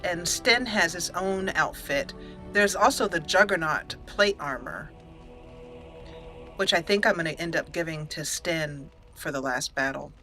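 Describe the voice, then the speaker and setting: Over quiet game music, a gamer hosting a let's play talks through her moves in a chatty, think-aloud style, slipping into roleplayed dialogue. She speaks on the low side at a measured pace.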